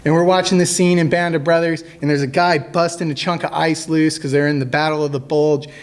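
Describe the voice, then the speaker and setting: Man, 30s, army veteran, casual storytelling, joking, halting fillers, fairly high pitch. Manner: jokey, animated when acting out quotes; halting, many fillers and restarts.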